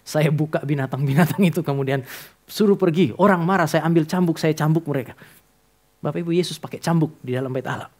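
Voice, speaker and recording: A male pastor delivers a sermon to his congregation in a church, addressing them directly. His voice sits high for a man. He tells stories and acts out the dialogue in them. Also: fast talker, darkish tone.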